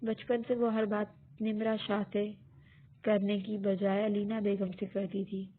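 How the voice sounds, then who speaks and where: A woman narrating a romance novel as a steady, scripted audiobook reading. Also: mid-range voice. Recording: tinny phone-like audio.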